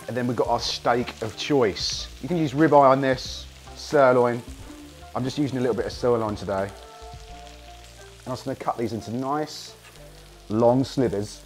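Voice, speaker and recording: A man hosting a casual cooking demonstration, hoarse from a cold, chatting enthusiastically to viewers as he cooks. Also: medium pitch, moderate pace, soft background music. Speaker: cooking show host.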